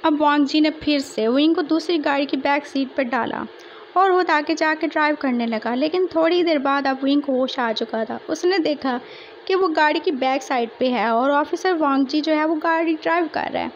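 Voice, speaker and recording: High-voiced woman narrating a story. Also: moderate pace, lo-fi sound, a little hiss or hum. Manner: casual, chatty narration. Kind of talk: fan fiction narration.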